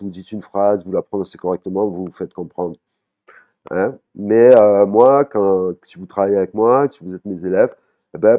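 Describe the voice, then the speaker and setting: A man teaching a language lesson in a relaxed way, with frequent fillers, restarts and repeated words. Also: sits low, lo-fi sound. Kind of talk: casual spoken lesson.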